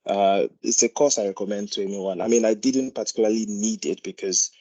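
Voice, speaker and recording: A man's voice: lowish voice, fairly even intonation, fairly quick, dark tone. A man with a Nigerian accent contributing to an informal discussion as a doctor, hesitantly repeating words as he explains. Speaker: GP doctor, meeting participant.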